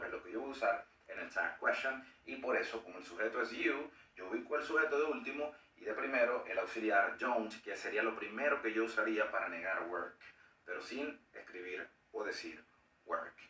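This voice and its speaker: A man's voice: lowish voice, sharp tone, roomy sound, far from the mic, low-quality recording. A man explaining a grammar lesson as a teacher, demonstrating intonation with sample sentences. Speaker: English teacher.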